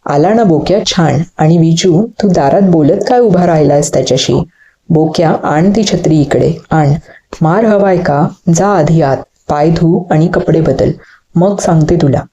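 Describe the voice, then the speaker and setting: A stern, sharp-tongued mother from a storybook scolds her soaked son, read by a woman narrator. The voice sits low and dark, and the audiobook recording sounds dull and muffled. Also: unhurried. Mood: scolding. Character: worried, scolding middle-aged mother.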